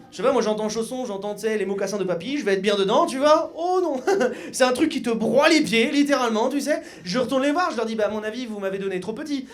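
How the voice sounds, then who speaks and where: High-voiced young man doing stand-up. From Mayenne, France. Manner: lively, joking, acts out voices of others. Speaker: stand-up comedian. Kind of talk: stand-up comedy. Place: comedy club stage before an audience. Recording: live club recording with audience laughter.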